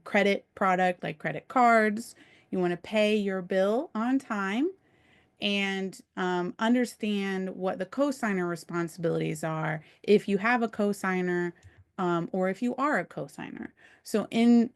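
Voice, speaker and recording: A woman's voice: lowish voice, smooth. A woman presenting an online webinar over a computer mic, explaining steadily with the odd filler.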